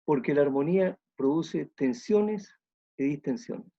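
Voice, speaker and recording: A man's voice: a little high, lively intonation, unhurried, warm tone, highs cut off. A man, an orchestra conductor giving an online music talk, explaining thoughtfully and repeating phrases as he thinks.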